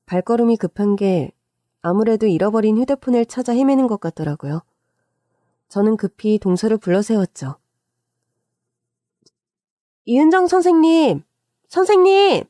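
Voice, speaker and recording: A woman's voice: mid-range voice, expressive, brisk, dark tone, no room sound, studio quality. A woman narrating a scripted story in the first person, in a chatty, confiding way.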